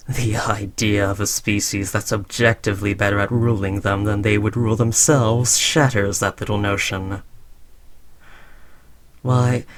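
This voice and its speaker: In a roleplay audio drama, a man with a lowish voice plays a smug alien overlord who has conquered Earth. Unhurried and imperious, he addresses a servant in a condescending yet indulgent way, teasing and patronizing.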